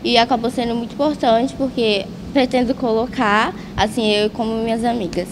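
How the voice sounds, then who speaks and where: A woman's voice: fairly high pitch, fairly even intonation, moderate pace, noisy background. A teenage girl, a student apprentice, answering an interview earnestly into a handheld microphone.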